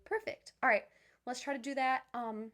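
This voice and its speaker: Upbeat young woman teaching vocal warm-ups. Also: sits high, steady tone, normal speed. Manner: upbeat, encouraging, talks to viewers directly; many fillers, restarts and repeats. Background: piano.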